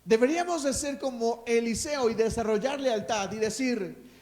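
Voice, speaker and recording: A man's voice: extremely high pitch, moderate pace, darkish tone. A man with a Mexican accent preaching a sermon as pastor, emphatic and calling for responses from the congregation.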